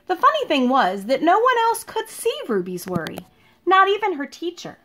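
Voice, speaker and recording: Reading a picture book aloud in her living room, an elementary school teacher addresses young children in a high voice with very lively intonation. Her storytime delivery is expressive and deliberate, like a read-aloud recorded at home.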